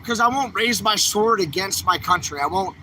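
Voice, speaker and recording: Ranting angrily into a handheld phone outdoors in the city, a man livestreams impassioned, repeated calls to action. He speaks at a moderate pace in a high, expressive, bright and forceful voice, captured on a low-quality recording with a little hiss or hum.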